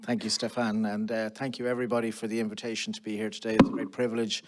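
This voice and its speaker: A man with an Irish accent speaking as a panelist at a round-table session, in a measured and earnest way. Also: on the low side, little pitch movement, heavy background noise. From Ireland.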